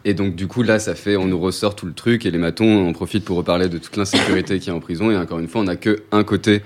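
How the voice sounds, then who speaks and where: A man co-hosting a community radio show from France, talking fast and slangy in a casual political discussion. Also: sits low, steady tone.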